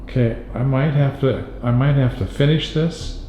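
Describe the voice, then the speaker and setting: A man's voice: medium pitch, moderate pace, warm tone, a little hiss or hum. A man investigating the paranormal, firmly questioning a spirit aloud inside an abandoned hospital. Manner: firm, probing questions. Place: abandoned hospital floor, indoors. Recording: roomy, dull-sounding hall recording.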